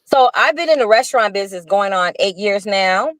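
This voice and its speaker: With a medium pitch, a fairly quick pace, and a somewhat bright, expressive voice, an older woman who runs a restaurant in Chicago tells her story on a video call. The casual interview talk is earnest, with many restarts. The audio is poor, though there's no echo.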